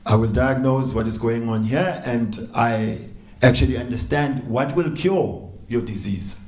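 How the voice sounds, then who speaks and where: A man's voice: mid-range voice, measured pace, a little mellow, lightly acted. A man voicing a boastful male yogi doctor who claims to cure every disease, speaking in a grand, self-assured way. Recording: echoey room.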